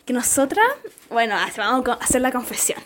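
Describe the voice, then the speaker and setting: Chatty teenage Chilean girl, high voice. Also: fairly quick, a bit bright, a little hiss or hum. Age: teens. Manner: chatty, laughs often, storytelling. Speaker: podcast co-host. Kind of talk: casual chat.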